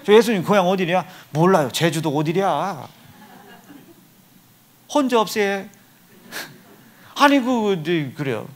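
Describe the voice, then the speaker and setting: A man's voice: high voice, animated, takes it slowly, pauses often. A man preaching a sermon in a church sanctuary, acting out biblical figures with comic voices, dropping to whispers and rising to outbursts. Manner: acts out disciples in dialect, shifts between whispers and loud outbursts. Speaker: pastor.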